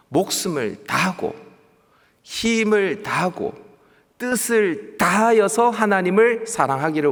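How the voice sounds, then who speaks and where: A male youth pastor with a Gyeongsang accent delivers a sermon, animated and emphatic, repeating key words. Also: fairly high pitch. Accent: Gyeongsang Korean. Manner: animated preaching with emphatic repetition and asides. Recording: long church hall reverb.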